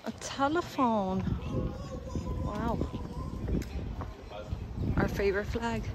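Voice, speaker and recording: A woman's voice: mid-range voice, drawn-out words, loud music behind the voice, poor audio. A young woman casually narrating a walking tour while filming on a handheld phone outdoors, upbeat, chatty and playful. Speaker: travel vlogger. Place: outdoors on town streets and stairs. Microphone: handheld phone camera on a selfie stick. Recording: loud outdoor noise, street and wind.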